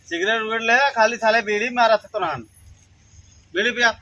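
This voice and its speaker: A man's voice: sits high, brisk, lightly acted. A man playing a drunk, bullying village policeman in a comedy sketch, with an Awadhi accent and blustering, repetitive town drunk talk. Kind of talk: rural comedy sketch acting. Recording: noisy amateur recording with clicks.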